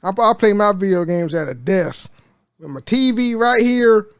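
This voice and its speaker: A man's voice: high voice, animated, normal speed, smooth, no echo, studio quality. A man from the United States in a casual gaming vlog, rambling through an article at his desk with many restarts and fillers. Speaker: gaming vlogger. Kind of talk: casual chat, reading an article aloud.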